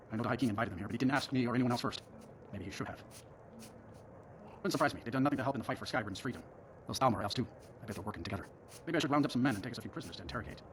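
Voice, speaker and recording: A man's voice: mid-range voice, fairly bright tone, natural voice, rough recording. An actor playing a bigoted, menacing Nord man in a video game, speaking with goading contempt. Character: hostile, bigoted Nord city tough. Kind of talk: video game character dialogue. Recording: sped-up game audio, faint outdoor noise.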